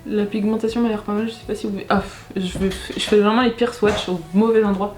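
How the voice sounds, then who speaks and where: A woman's voice: mid-range voice, steady tone, fairly quick, a little mellow, faint music behind. Chatty young woman in echoey room. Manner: chatty, restarts sentences, self-correcting. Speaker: beauty vlogger. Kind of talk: casual unboxing chat.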